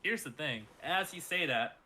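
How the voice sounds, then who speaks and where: A man's voice: on the high side, animated, moderate pace, bright, forceful tone. A man chatting casually and narrating a tabletop game as its game master.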